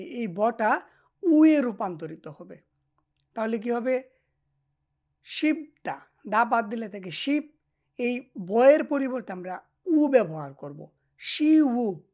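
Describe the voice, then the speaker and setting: A woman teacher talks through a grammar lesson at a slow, unhurried pace. She repeats each form patiently and keeps checking that her students understand. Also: medium pitch, darkish tone. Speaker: language teacher.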